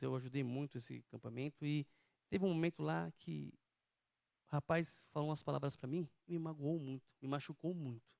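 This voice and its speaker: A man's voice: a little high, vocal fry, a little mellow, no room sound, clean studio sound. A man preaching a sermon to a congregation, emphatic and often asking them questions.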